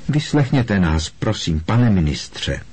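A man's voice: fairly low pitch, sing-song, darkish tone, slightly rough. A man reading an audiobook, voicing an earnest, clever teenage girl who pleads in a hurry. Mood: pleading. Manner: pleading, hurried.

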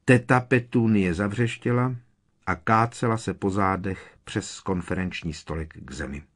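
Male audiobook narrator, lowish voice, even, measured storytelling.

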